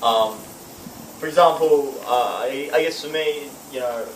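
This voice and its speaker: A man's voice: medium pitch, a little hiss or hum. A young man with a New Zealand accent, a cosplayer guest joking casually in an interview. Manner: joking, quick-talking. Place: outdoor public gardens. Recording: roomy, distant outdoor mic.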